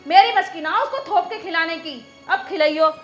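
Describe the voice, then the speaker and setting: A woman's voice: very high-pitched, normal speed, soft background music. A woman playing a resentful young daughter-in-law who complains sharply. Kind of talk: rural film drama acting.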